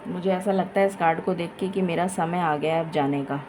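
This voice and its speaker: A woman giving a tarot reading in a slow, effortful way, tired and with a dry throat. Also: on the low side, background noise. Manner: slow, tired, effortful Hindi-English mix with many pauses. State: low energy, dry throat. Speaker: tarot reader. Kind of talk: casual tarot reading to camera.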